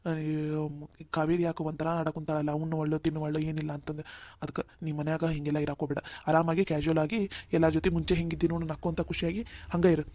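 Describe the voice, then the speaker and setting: A woman's voice: low-pitched, little pitch movement, fast talker, dark tone, dry recording. A woman voicing a firm, caring older brother in a cartoon, who reassures his sister again and again. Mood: reassuring. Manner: firm, reassuring, repeats "all right?". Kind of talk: cartoon voice acting.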